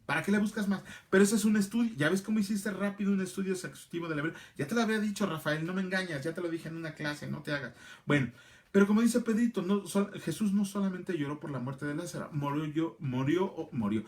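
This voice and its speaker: A middle-aged man leads a relaxed Bible class, speaking a bit higher than most men. He chats along, repeats his points and turns to viewers by name as he goes. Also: fast talker. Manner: chatty, answers viewer comments by name, repeats phrases. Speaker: Bible teacher. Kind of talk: casual livestream Bible class.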